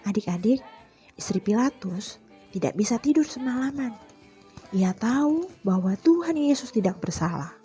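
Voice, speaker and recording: A woman's voice: on the high side, animated, normal speed, warm tone, soft background music. A woman teaching a Sunday school class, telling a Bible story expressively and talking directly to the children.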